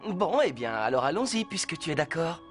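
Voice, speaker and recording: A man voicing a shy, gentle teenage boy in a cartoon dub, hesitant and soft-spoken. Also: a little high, sing-song, a little fast, soft background music.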